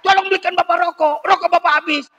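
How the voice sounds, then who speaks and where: A man preacher voicing a bossy, rich male employer who shouts orders at his servant. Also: extremely high pitch, steady tone, racing, big-room sound, lo-fi sound, voice pushed up. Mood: impatient. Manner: shouting commands.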